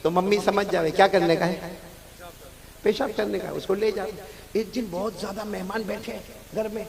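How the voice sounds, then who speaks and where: Man, preacher, very high voice, animated call-and-response, crowd audible. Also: gravelly, in a large hall. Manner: animated, rousing the crowd to chant back. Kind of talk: sermon storytelling with call-and-response. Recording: live crowd sounds.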